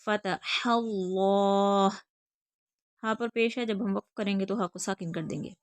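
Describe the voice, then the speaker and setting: A woman teaching an online recitation lesson, explaining pronunciation rules quickly and then stretching out each recited word slowly. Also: mid-range voice, no echo. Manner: explains pronunciation rules in quick bursts between slow, drawn-out recited words.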